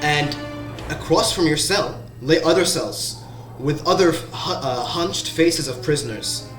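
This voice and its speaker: A man narrating as game master in the second person, slow and halting with restarts. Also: a little high, fairly bright tone. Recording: roomy sound, faint background music.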